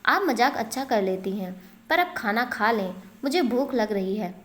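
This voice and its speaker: Woman reading as a calm young husband. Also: on the high side, normal speed. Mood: reassuring.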